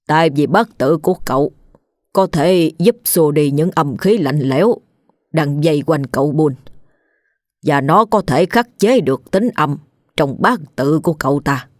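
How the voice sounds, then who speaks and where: A woman voicing an old male village shaman who speaks in slow, solemn pronouncements. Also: low voice, a little mellow, no echo, studio quality. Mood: grave, ominous.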